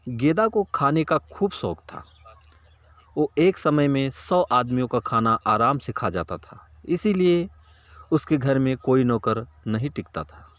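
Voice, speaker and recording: A man narrating a children's village story in a plain, steady storytelling way. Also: medium pitch, a little slow, no echo.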